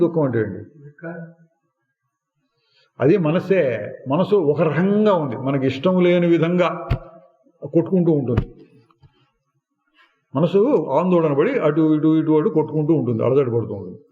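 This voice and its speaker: A man giving a slow, deliberate spiritual discourse, asking rhetorical questions and singing lines of verse now and then. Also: on the high side. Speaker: spiritual teacher. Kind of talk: satsang discourse. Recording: echoey hall, phone-like lo-fi sound.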